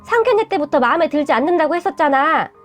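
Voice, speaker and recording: A woman's voice: sits high, lively intonation, fast talker, soft background music. A woman voicing a stern, worried middle-aged parent who speaks seriously and scolds. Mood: scolding.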